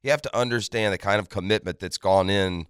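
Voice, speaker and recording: A man works as a morning show host on sports radio, with a bright, clear voice. He talks in an earnest, conversational monologue aimed right at the listeners, leaning on his points. The sound is dry and close, as on a studio microphone. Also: fairly low pitch, fairly quick, no room sound. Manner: earnest, emphatic, addresses listeners directly.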